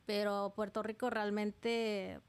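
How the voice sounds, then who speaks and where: A woman's voice: mid-range voice, level tone, takes it slowly, smooth. Chatty woman guest from Mexico. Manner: conversational, loose fillers like "o sea". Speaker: podcast guest. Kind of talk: casual interview chat.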